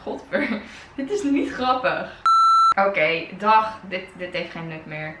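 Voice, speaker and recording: A woman's voice: lowish voice, expressive, a little slow, recorded from a distance, heavy background noise. A teenage Dutch girl vlogging casually, giggly and nervous as she pranks people by text, often swearing. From Netherlands. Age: teens. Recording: roomy, from the mic, music behind.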